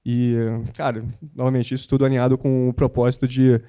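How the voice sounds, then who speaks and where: Energetic man, slangy and motivational. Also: mid-range voice, fairly quick, smooth. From born in the United States, raised in Rio de Janeiro. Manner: animated and motivational, slangy with frequent "cara" and "pô". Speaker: guest, basketball content creator. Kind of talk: panel talk on stage.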